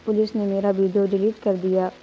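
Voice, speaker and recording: Mellow-voiced woman telling an emotional story. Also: medium pitch, level tone, fairly quick, soft background music, rough recording. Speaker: storyteller and channel host. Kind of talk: first-person story narration.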